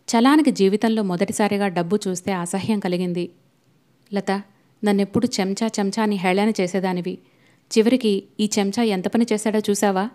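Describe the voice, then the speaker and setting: A woman's voice: medium pitch, darkish tone. Woman narrating a novel audiobook. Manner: reads all characters' dialogue in her own voice.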